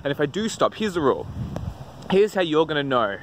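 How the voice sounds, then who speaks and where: A man's voice: fairly high pitch, big pitch swings, brisk, noisy background. A man vlogging casually, swearing freely and mocking himself. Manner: profane, self-deprecating. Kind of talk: casual self-filmed vlog.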